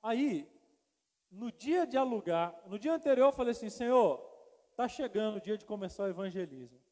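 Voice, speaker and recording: High-voiced pastor preaching in a hall. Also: male voice, normal speed. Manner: animated storyteller acting out dialogue. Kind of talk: sermon with comic storytelling. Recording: long hall reverb.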